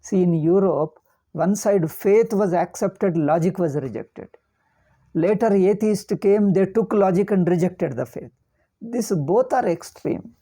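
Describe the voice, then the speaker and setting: Mellow, husky South Indian-accented older speaker. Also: medium pitch, expressive, unhurried. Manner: repeats words and phrases emphatically. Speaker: spiritual teacher. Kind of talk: informal religious discourse.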